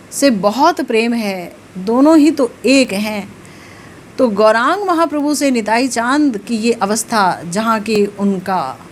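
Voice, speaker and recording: A woman spiritual teacher giving a devotional discourse, telling a sacred story slowly and with rising emotional emphasis. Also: a little high, slight background noise.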